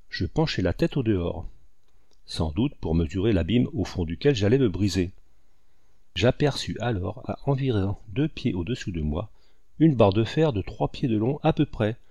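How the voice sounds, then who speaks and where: A man reading a classic adventure novel aloud as first-person narration, in a measured, dramatic storytelling manner. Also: fairly low pitch, darkish tone, dry recording. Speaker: audiobook reader.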